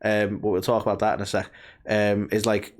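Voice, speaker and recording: A man from the UK co-hosts a casual podcast in a lower-pitched voice. He talks in loose, rambling runs full of fillers and asides. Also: monotone, fairly quick. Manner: chatty, rambling, lots of fillers. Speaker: podcast co-host. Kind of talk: casual chat.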